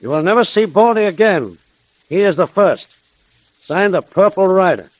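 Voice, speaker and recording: A suspicious radio crook boss, high pitched, swings up and down, old 1930s recording. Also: male voice, expressive, normal speed, dry recording, low-quality recording. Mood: reading grimly. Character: edgy, suspicious male gangster boss.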